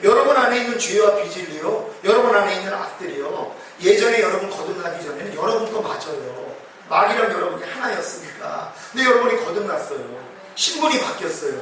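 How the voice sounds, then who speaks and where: A man's voice: high voice, expressive, a little fast, hardly any pauses, a bit bright, slight background noise. A male pastor preaching an emphatic revival sermon, acting out quoted prayers. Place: church hall. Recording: very echoey hall, distant mic.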